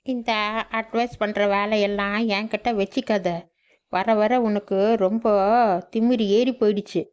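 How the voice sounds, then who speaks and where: A woman voicing a drunken, bullying husband who talks gruffly and scornfully. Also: mid-range voice, fairly even intonation, measured pace, a little mellow, close to an everyday voice.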